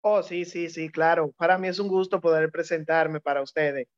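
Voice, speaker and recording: A man's voice: fairly high pitch, fairly even intonation, normal speed, highs cut off. A man from the Dominican Republic with a Dominican accent, speaking as a missionary guest on a podcast with fervent religious phrasing. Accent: Dominican Spanish. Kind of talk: interview guest.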